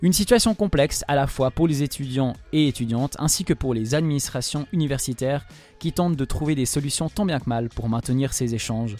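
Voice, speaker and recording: A man's voice: medium pitch, fairly quick, darkish tone. Brief: male columnist, joking scripted read, faint music under. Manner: wry, jokey delivery. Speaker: student radio columnist.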